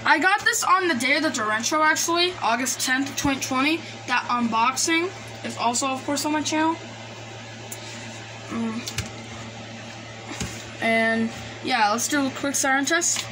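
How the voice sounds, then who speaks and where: A gadget collector with a fairly high voice walks casually through a hesitant, rambling show-and-tell, unhurried and with long pauses. She sits at a desk in a small indoor room, filmed on a handheld phone camera, and clear noise, hiss and radio devices sound behind her.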